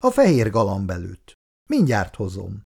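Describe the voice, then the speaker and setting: A man's voice: lowish voice, wildly swooping pitch, vocal fry, a little mellow, slightly rough, exaggerated voice. Man voicing a blunt practical young man. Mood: teasing. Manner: plain-spoken, teasing. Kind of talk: read-aloud story dialogue.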